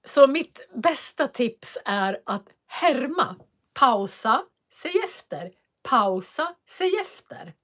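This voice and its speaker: A woman teaching Swedish in a live online lesson, speaking slowly and clearly and repeating phrases for learners to copy. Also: a little high, sing-song, fairly bright tone. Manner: walks viewers through web links on screen.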